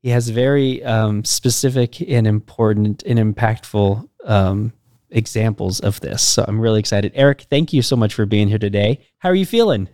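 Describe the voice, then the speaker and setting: A man's voice: lowish voice, normal speed, darkish tone, no room sound, clean studio sound. Upbeat man hosting a podcast. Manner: upbeat, hesitant with fillers and restarts. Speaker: podcast host. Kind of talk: church podcast interview.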